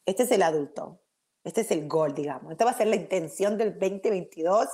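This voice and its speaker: Lively woman. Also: fairly low pitch, normal speed. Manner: lively, acts out feelings, mixes in English words. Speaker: spiritual speaker. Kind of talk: casual motivational talk.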